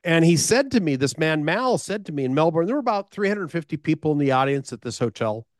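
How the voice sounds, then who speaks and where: American man, middle-aged, podcast storytelling, slightly high voice, dry close sound, restarts phrases. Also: sing-song, quick pace, no echo. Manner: anecdotal, repeats and restarts phrases. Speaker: business speaker sharing advice with listeners.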